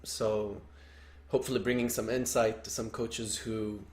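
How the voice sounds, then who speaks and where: A man's voice: fairly low pitch, flat delivery, unhurried, roomy sound. A young man from Lebanon who co-hosts a soccer coaching podcast, chatting casually with dry jokes.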